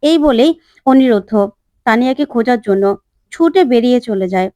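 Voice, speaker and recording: A woman's voice: on the high side, fairly quick, no echo. Woman retelling a serial episode. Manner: plain, steady storytelling. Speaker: narrator.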